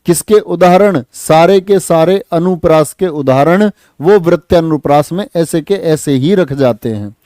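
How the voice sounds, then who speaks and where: A man teaching an exam-prep class, lively, asking students questions and answering them himself. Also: fairly high pitch, unhurried, hardly any pauses, no echo. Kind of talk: online exam-prep lesson.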